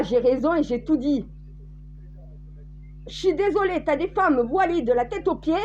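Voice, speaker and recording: A woman from France talks straight at her audience, blunt and crude, never softening her words. Her voice sits high, and the recording sounds dull and lo-fi. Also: a little hiss or hum. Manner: blunt and crude, addressing viewers directly. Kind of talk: casual monologue.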